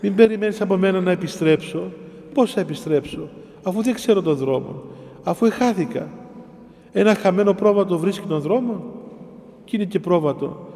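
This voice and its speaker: A man preaching in a hall with a long echo, his voice high yet dark and mellow. He reads a verse, then explains it phrase by phrase, circling back and repeating himself with pauses. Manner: explains scripture line by line, repeating and pausing. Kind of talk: sermon on a psalm.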